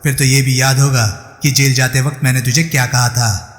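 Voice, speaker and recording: A man's voice: mid-range voice, flat delivery, a little fast, natural voice. A man voicing a ruthless male criminal who talks in a cold, sneering, menacing way. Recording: echoey room with long reverb.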